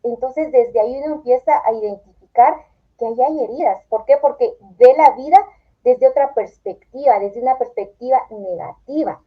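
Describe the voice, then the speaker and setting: Calm explaining woman, dull lo-fi audio. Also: on the high side, normal speed. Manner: calm, explanatory, acts out quoted phrases. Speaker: therapist guest. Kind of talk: explanatory interview answers. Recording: dull lo-fi sound.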